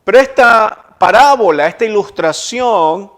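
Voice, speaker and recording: Earnest soft-spoken pastor, fairly high voice. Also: male voice, animated, unhurried. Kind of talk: livestreamed sermon and storytelling.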